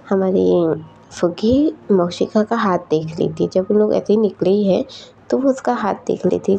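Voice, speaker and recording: A woman's voice: medium pitch, vocal fry, warm tone, a little hiss or hum. A woman narrating a fanfiction story in a chatty, casual way with fillers. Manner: chatty, uses fillers like "like" and "matlab".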